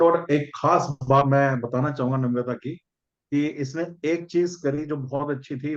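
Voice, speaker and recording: A man's voice: medium pitch, muffled recording. A man, an educator who emphatically advises students and addresses them directly. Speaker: educator and co-host. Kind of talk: teacher's advice to students.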